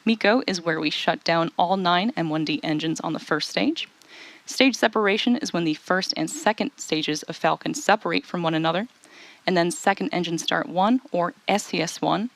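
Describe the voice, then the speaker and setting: Covering a launch live for a webcast, a woman explains what is happening with crisp, well-enunciated presenter delivery. She speaks at a moderate pace in a voice on the low side.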